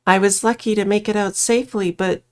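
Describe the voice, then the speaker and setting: Woman playing Audrey, anxious higher-voiced companion. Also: fairly even intonation, fairly quick, slight background noise, natural voice. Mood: cheerful urging. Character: Audrey, gentle anxious female companion lost in woods.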